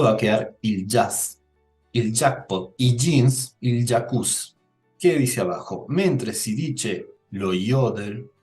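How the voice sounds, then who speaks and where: A man giving a language lesson, patient and methodical, walking through each rule in order and pausing for quick checks. His voice sits at an ordinary middle pitch. The room has a noticeable echo, with faint music behind him. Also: a little mellow. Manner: methodical, explains step by step, checks with "¿sí?". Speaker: Italian teacher. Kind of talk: online grammar lesson.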